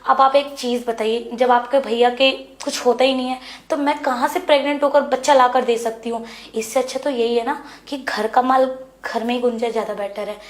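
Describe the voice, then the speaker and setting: A woman playing a frustrated young married woman who pleads with her brother-in-law, insistent and hushed. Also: a little high, fairly even intonation, normal speed, lightly acted. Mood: pleading. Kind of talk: Hindi web series dialogue. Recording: echoey room.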